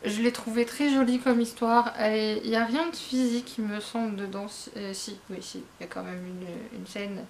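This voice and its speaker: A woman's voice: fairly high pitch, fairly even intonation, moderate pace, vocal fry, hardly any pauses, a little mellow, slight background noise. A woman giving a casual, rambling spoken review of manga. She hesitates a lot, corrects herself and talks straight to her viewers with frank asides. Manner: chatty, addresses viewers directly. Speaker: manga reviewer, book blogger.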